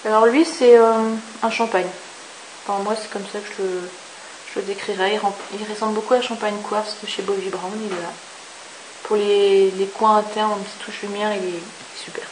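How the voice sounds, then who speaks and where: A woman's voice: mid-range voice, steady tone, moderate pace. A woman chatting enthusiastically through a makeup review, with many fillers and asides. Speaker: beauty vlogger. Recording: echoey room with faint hiss.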